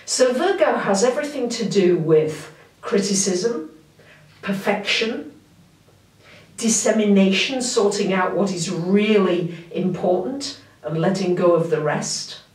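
A woman astrologer talks through a forecast at a slow, easy pace, with gentle, reflective delivery. Her voice sits in a middle range and is picked up from a little way off the mic. The room around her is noticeably echoey. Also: mid-range voice. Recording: roomy, mic at a distance.

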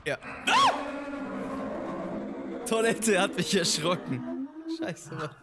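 A young adult gamer swears and yelps at the scares while giving excitable let's play commentary on a horror game to viewers. His voice is medium in pitch at a moderate pace, and the recording is very noisy.

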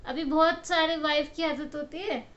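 A woman's voice: high-pitched, moderate pace, lo-fi sound. A woman giving a casual motivational talk straight to camera, telling everyday stories and acting out what people say, often laughing. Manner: animated storytelling, acts out quotes, laughs often. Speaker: motivational speaker. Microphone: camera mic.

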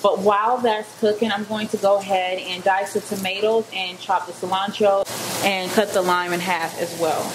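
Reading recipe steps in her home kitchen, a young lifestyle vlogger keeps things casual with playful asides to her audience. She has a mid-range voice with a steady tone and moderate pace, and the rough recording picks up a faint vent fan.

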